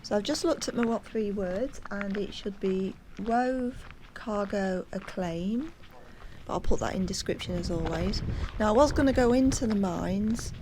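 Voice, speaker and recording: Against a noisy background, a woman narrates her walking tour on a hillside in a medium-pitched voice, a little slowly. The vlogger is chatty and hesitant with lots of ums, occasionally breathless from the climb.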